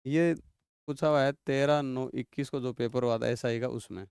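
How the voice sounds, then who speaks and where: A man teaching an online exam-prep grammar class, quizzing his students and repeating each word slowly so they catch it. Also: medium pitch, steady tone, gravelly, a little mellow, clean tone, no echo, clean studio sound.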